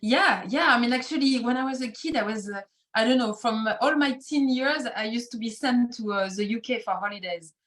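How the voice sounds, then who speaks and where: Chatty French-accented woman, high voice. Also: a little fast, fairly bright tone. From France. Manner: chatty, laughs easily, many fillers. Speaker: guest, facial cupping practitioner. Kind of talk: casual interview chat.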